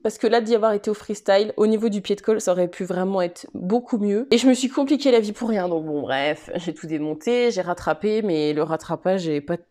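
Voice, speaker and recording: A woman's voice: medium pitch, brisk, few pauses, warm tone. A woman chatting casually in a home sewing vlog, exasperated and laughing at her own mistakes. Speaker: sewing vlogger.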